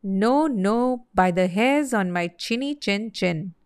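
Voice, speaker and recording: A woman's voice: medium pitch, animated, slow pace, clean tone. A little male pig from a storybook as a woman reader puts him on, frightened yet plucky. He protests and pleads in carefully paced rhyme. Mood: defiant. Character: small frightened but defiant male pig.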